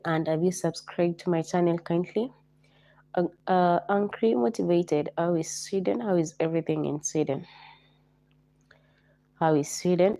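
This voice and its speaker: A Kenyan woman hosts a live online show, her voice low and mellow. She keeps repeating her greetings and coaxes viewers to like the stream and comment. The sound is close and dry. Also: no echo. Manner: repetitive, coaxing viewers to like and comment.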